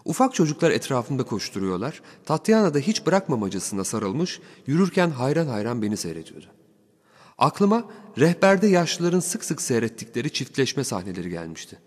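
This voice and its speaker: A man narrating a first-person story as an audiobook, in a steady, wry way. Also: medium pitch, fairly quick, in a large hall.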